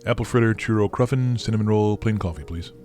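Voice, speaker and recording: Cool adventurer guy, a man voicing him, confident and quick, pretty ordinary voice. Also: lowish voice, darkish tone, faint music behind, lightly acted. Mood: brisk. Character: calm confident male adventurer.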